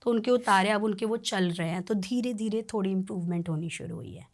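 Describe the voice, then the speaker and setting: This medium-pitched woman, a spiritual practitioner and tarot reader, briskly narrates a client's story for a podcast. She sounds earnest and lively and often confirms that the listener is with her.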